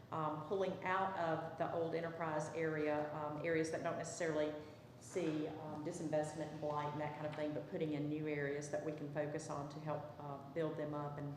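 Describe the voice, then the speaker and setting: A woman mayor with a Southern US accent, calmly chairing a city council meeting and calling votes. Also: low-pitched. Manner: procedural, calm, calls votes. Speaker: mayor presiding over council. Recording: echoey council chamber, faint noise.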